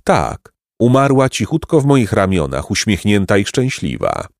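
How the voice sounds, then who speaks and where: A man voicing a kindly, wise hermit over a hundred years old, speaking gently and with a chuckle, in a storybook reading. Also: lowish voice, huge pitch swings, moderate pace, creaky, dry recording, clean studio sound, exaggerated voice. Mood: gentle. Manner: gentle, sweet-voiced, chuckling. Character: kindly ancient male hermit, wise and merry.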